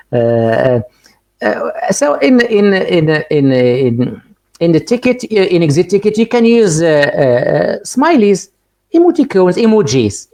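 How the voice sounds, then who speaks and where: This is a webinar lecture and Q&A in which a middle-aged Moroccan man, a guest speaker and ELT supervisor, talks to teachers over a video call. His voice is mellow and rather dark, with a clear Moroccan accent; he's earnest, stumbles and repeats words, and jumps up in pitch to emphasize key ideas.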